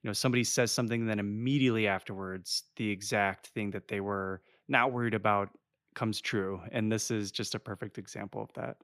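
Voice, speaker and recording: A man's voice: lowish voice, fairly even intonation, fairly bright tone, dry recording, studio quality. A man co-hosting a podcast, recapping a film scene in an affable, easygoing way. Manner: affable, quick to laugh and agree. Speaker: podcast co-host. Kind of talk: casual film breakdown chat.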